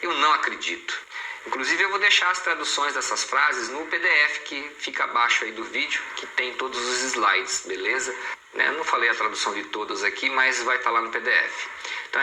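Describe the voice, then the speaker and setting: A man's voice: medium pitch, animated, bright, forceful tone, slight background noise. Man teaching in an echoey room. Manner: explains patiently, repeats example phrases slowly and clearly. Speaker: English teacher. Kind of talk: recorded online English lesson.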